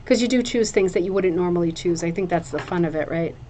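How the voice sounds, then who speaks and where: A woman's voice: on the low side, fast, warm tone, slight background noise. A woman hosting a craft show in a casual, chatty way, gushing and rambling, often repeating phrases for emphasis. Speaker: craft show host presenting viewers' hooked rugs.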